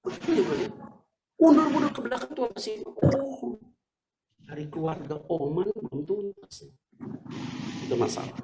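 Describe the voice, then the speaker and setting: Middle-aged man, pastor, sermon, lively swooping pitch, casual slangy storytelling, faint background noise. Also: moderate pace, long pauses.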